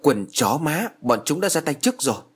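A man's voice: fairly low pitch, very animated, quick pace, husky. A man voicing a menacing young woman, who speaks in a harsh, commanding, snarling way. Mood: threatening.

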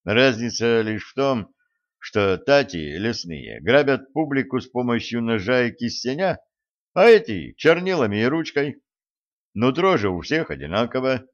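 A man's voice: mid-range voice, big pitch swings, a little slow, highs cut off. A man voicing a curt, stern wandering hero.

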